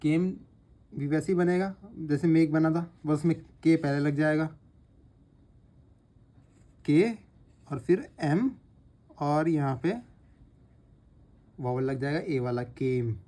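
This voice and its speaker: A man's voice: fairly high pitch, dark tone. Patient man teaching shorthand. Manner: patient, repeats sounds slowly to show them. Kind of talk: explaining step by step while writing.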